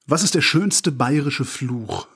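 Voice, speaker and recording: A man's voice: medium pitch, lively intonation, slow pace, fairly bright tone, slightly rough. A man hosting an interview, firing off short questions and adding brief teasing follow-ups. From outside Franconia, Germany. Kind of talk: quick-fire interview questions.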